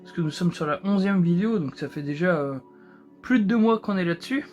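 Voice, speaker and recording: A man with a high voice talks casually as he works on a build, filling his sentences with hesitations and false starts. Faint music plays under him. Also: a little fast, darkish tone, highs cut off. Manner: rambling, many hesitations and restarts. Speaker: host. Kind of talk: casual chat while building a model.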